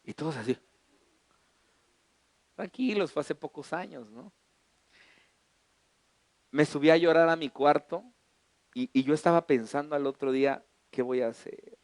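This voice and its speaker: A middle-aged Mexican man preaches with a fairly high voice. He tells a family story in a loose, joking, colloquial way, full of slang and asides. The sound is dry and close, with no room echo. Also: unhurried, long pauses. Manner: animated, humorous, colloquial storytelling. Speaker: pastor. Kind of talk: storytelling sermon.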